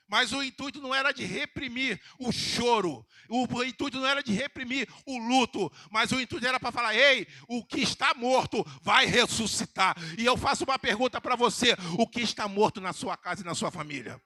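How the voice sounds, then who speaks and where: Bright-voiced Brazilian man preaching. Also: extremely high pitch, dry recording, studio quality. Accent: Brazilian Portuguese. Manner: rising to emphatic calls, then dropping to soft quoted words; asks the congregation questions. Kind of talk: sermon.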